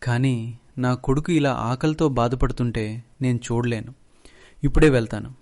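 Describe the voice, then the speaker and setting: A man's voice: medium pitch, steady tone, moderate pace, a little mellow, natural voice. A man voicing a poor, humble farmer who pleads for help for his son. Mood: pleading. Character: poor humble young farmer, a worried father.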